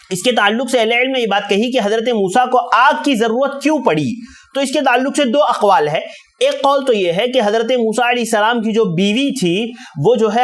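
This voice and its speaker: High-voiced man teaching a religious lesson. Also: fairly bright tone. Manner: explains verse by verse, mixes in English numbers, frequent fillers. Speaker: Islamic teacher. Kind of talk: religious lesson with Quran recitation.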